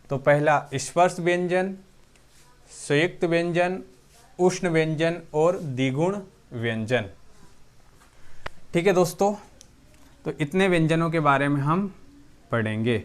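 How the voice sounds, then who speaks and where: A man teaching an exam-prep lesson, slowly repeating each term so students can write it down. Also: a little high.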